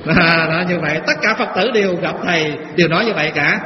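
A man's voice: a little high, fast. A man, a Buddhist monk, giving a Dharma talk to lay followers in a temple hall, telling folksy stories and asking the audience rhetorical questions. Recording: echoey hall, dull lo-fi sound, faint noise.

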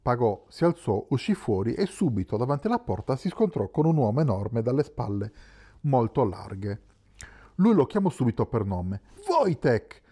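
A man narrating a literary novel as an audiobook in a calm, measured way. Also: mid-range voice. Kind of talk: scripted narration.

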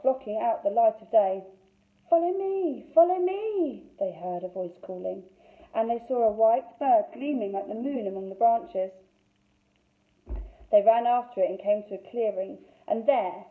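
A woman teacher reading a fairy tale aloud to young children in an expressive, lively storytelling voice, on a thin phone-like recording. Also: on the high side. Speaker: infant school teacher.

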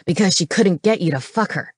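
A man's voice: high voice, lively intonation, fairly quick, slightly rough, no room sound, clean studio sound. A woman voicing a cold, scornful older male werewolf villain in an audiobook. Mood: sneering. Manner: sneering, cold. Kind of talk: audiobook character voice.

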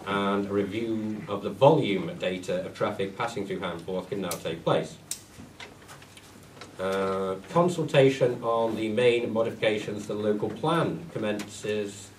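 Stuffed up from a cold, the parish clerk delivers his report to the council in a plain, even reading of the figures, dropping in asides. His voice is on the low side and sits far from the room mic, in an echoey hall with a faint hiss.

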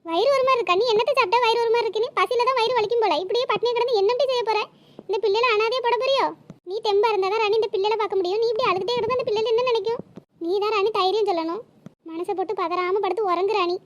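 A woman voicing a caring elder sister-figure in a cartoon, who coaxes and scolds with a very high, squeaky voice. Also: rapid-fire, a little hiss or hum. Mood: coaxing, fussing. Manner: fussing, coaxing, motherly scolding. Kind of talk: cartoon voice acting.

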